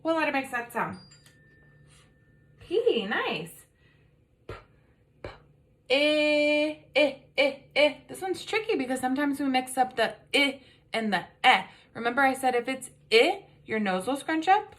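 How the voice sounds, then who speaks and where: A woman's voice: high-pitched, very animated, fairly bright tone. A woman teaching a phonics lesson to kindergarten children, patiently prompting them with questions. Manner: slow, sing-song, patient prompting with questions.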